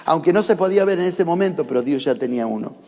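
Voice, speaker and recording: A man's voice: fairly high pitch, animated, fast talker, a little mellow, faint music behind. A man with a Rioplatense Spanish accent preaching a sermon, emphatic and calling on the congregation to repeat his words. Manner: emphatic, calls the congregation to repeat after him. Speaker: pastor. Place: church in the United States. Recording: long reverb of a church hall.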